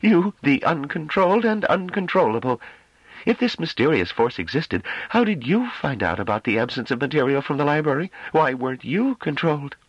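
A man's voice: fairly high pitch, very animated, moderate pace, breathy edge, no room sound, highs cut off, pitched above the performer's own voice. A man reading an audiobook, voicing a scornful, impatient woman on a ruling council who talks in a mocking, dismissive way. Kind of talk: audiobook character voice.

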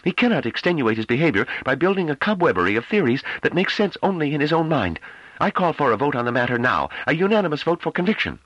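A man's voice: fairly high pitch, very animated, normal speed, slightly rough, no room sound, highs cut off, pitched above the performer's own voice. A man reading an audiobook, voicing a scornful, impatient woman on a ruling council who talks in a mocking, dismissive way. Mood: tense anger. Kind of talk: audiobook character voice.

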